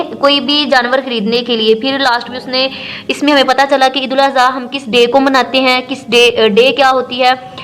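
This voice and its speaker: Woman teacher, high bright voice, patient classroom explainer, faint music under her. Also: low-quality recording. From Pakistan. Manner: reads English lines slowly, then explains them in Urdu. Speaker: English teacher. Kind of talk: explaining a textbook lesson.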